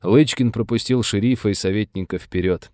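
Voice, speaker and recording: Brief: male audiobook narrator, low voice, calm and measured, dry close sound. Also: dry recording. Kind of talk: scripted narration.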